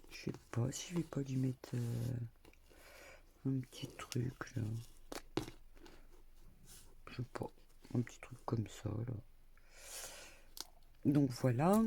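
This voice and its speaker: An older woman, a grandmother, chats through a crafting tutorial at home as a crafting vlogger, rambling with lots of hesitations and little asides. Her voice is low, creaky and husky with a dark tone. Faint background noise and clicks run under the recording.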